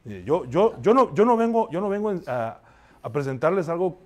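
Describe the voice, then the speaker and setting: A man's voice: a little high, very animated, moderate pace. Conversational man preaching to a congregation. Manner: conversational preaching, constantly addressing listeners and asking for responses; confessional, shares his own failings. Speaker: pastor. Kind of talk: sermon.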